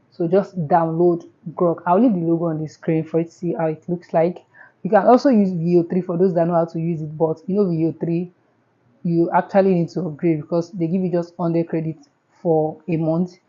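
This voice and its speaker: Nigerian-accented woman, chatty tutorial host, slightly low voice, dull lo-fi sound. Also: mellow. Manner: chatty, repeats herself, step-by-step. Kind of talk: casual screen tutorial.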